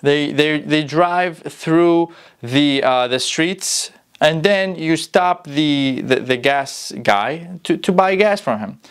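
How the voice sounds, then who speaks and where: A young man from Iraq with an Iraqi Arabic accent, teaching a casual language lesson to camera in a halting, explanatory way, repeating key words. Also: on the high side. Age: young adult. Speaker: language teacher and channel host. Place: small room indoors.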